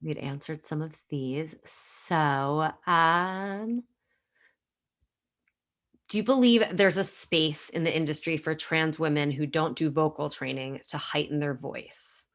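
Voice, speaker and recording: Low-voiced woman casting executive on a webinar. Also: slow. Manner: conversational, repeats words as she thinks. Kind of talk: webinar Q&A answer. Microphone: video call.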